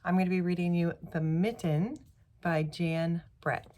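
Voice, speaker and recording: Expressive woman reading a children's story aloud. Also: on the low side, unhurried, a little hiss or hum.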